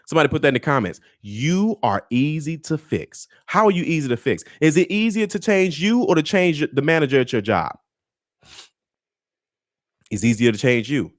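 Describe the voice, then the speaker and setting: An American man coaches his online viewers in a direct, motivational style. His voice sits a little high and swings widely in pitch as he hammers key phrases by repeating them. The sound is dry, with no room echo. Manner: direct, exhorting listeners with rhetorical questions. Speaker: personal finance coach.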